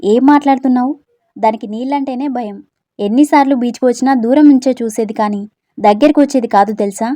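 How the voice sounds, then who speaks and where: A group of anxious young girlfriends, loud and fretful, their voices raised high, as a woman narrator puts them on. The tone stays warm and mellow. It is recorded close and dry. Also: fast, no echo, natural voice. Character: Tara's anxious, loud young female friends.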